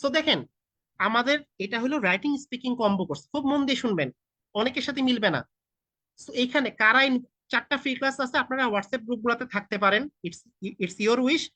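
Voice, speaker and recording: A man's voice: very high-pitched, moderate pace, sharp tone, no echo. A man in his thirties with a Bangladeshi Bengali accent teaches an online IELTS class. He talks casually, mixes in English and puts questions straight to his students. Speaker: IELTS tutor. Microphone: video call.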